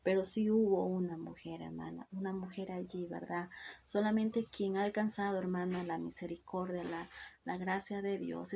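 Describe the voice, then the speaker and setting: Her voice lowish, gravelly and mellow, a woman preacher offers an earnest devotional Bible lesson, again and again saying "hermana" and "¿verdad?" amid slips and restarts. There is slight background noise.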